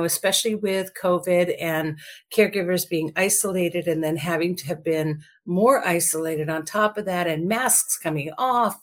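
A woman co-hosting a podcast in casual chat, chatty and upbeat, with her morning voice lower than usual. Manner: chatty and upbeat, lots of fillers. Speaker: podcast co-host.

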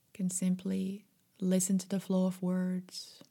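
A woman guiding a meditation in a soft, breathy, half-whispered voice, gentle, soothing and unhurried. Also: on the low side, monotone. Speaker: meditation guide. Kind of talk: slow guided meditation.

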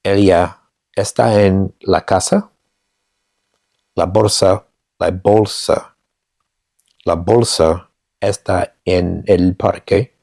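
A man talks slowly from his couch, feeling his way through beginner phrases and correcting himself as he goes. His voice sits very low, with a gravelly fry, and the recording is dry and close. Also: steady tone, darkish tone, no echo. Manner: hesitant, self-correcting beginner reading phrases aloud. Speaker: language learner vlogger. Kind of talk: casual self-recorded practice. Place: at home on a couch.

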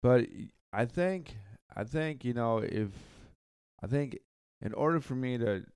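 A man hosting a solo podcast, talking casually in a halting way, repeating words and stuttering now and then. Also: mid-range voice, lively intonation, darkish tone, clear, resonant tone, no room sound, studio quality. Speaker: podcast host.

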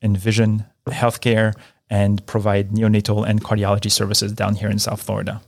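Low-voiced male podcast host. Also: completely flat delivery, normal speed, gravelly, a little mellow, dry recording, studio quality. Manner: friendly, introduces guests, some fillers. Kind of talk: podcast interview.

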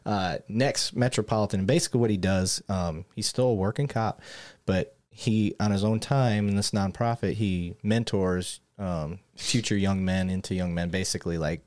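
A man's voice: sits low, fairly even intonation, moderate pace, a little mellow. A man hosting a podcast, chatting casually with plenty of restarts and laughs. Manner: rambling, self-interrupting, laughs easily. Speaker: podcast host. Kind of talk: casual chat.

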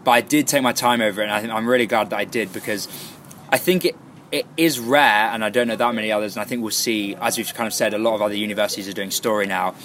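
A young man chats casually as an interview guest. His voice sits a little low and he speaks fast, with light ambient noise around him. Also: a bit bright. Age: young adult. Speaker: student team leader being interviewed.

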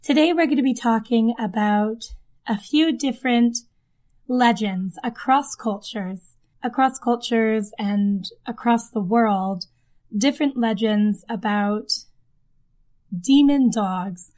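A woman with a fairly high, darkish voice speaks slowly as she hosts a podcast. Her storytelling is casual and chatty, looping back on itself as she goes. She's recording on a desk mic tucked under a blanket fort in her den.

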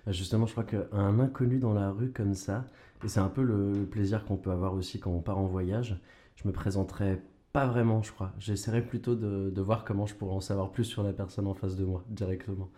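A young Canadian actor, appearing as a guest, tells his story in casual conversation. His voice is lowish and fairly quick, relaxed and full of slang, with stumbling restarts.

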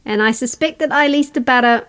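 A woman's voice: high voice, brisk, a bit bright. A woman with a New Zealand accent hosting a children's podcast, telling stories conversationally and expressively, repeating words for emphasis and asking listeners questions. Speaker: children's storyteller and podcast host. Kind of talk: conversational oral storytelling for children. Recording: prominent guitar music under speech. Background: guitar music.

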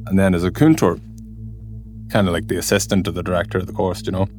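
A deep-voiced man with an Irish accent recounts a personal experience. His telling is conversational and colloquial, and faint music plays behind him. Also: fairly even intonation, fast. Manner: colloquial, peppered with "like, you know". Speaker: guest narrator. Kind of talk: personal storytelling, conversational narration.

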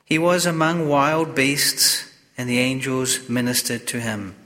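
A man, a priest, reading the gospel and preaching a homily at Mass in a slow, measured way, his voice carrying a cathedral echo. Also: medium pitch, sharp tone. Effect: cathedral-like echo with long reverb. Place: church during Mass. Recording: long church reverb.

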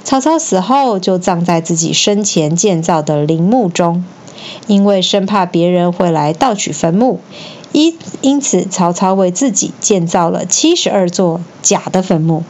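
A woman's voice: lowish voice, lively intonation, a little slow, darkish tone, dull audio. Woman storyteller reading to children.

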